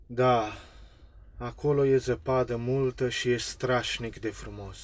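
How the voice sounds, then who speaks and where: A gentle, dreamy reindeer from a radio play, voiced by a man. He speaks in an ordinary middle register. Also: mid-range voice, steady tone, slight background noise, natural voice.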